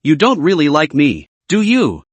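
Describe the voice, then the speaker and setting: A man's voice: a little high, wildly swooping pitch, moderate pace, husky, no echo, exaggerated voice. A man voicing a cocky, cunning young male cultivator who taunts his foes coldly, read in a story recap. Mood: taunting. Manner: taunting, icy.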